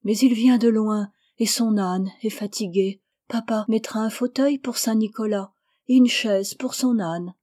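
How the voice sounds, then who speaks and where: A woman voicing a fragile little girl. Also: fairly high pitch. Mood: eager. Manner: slow, hushed, dreamy.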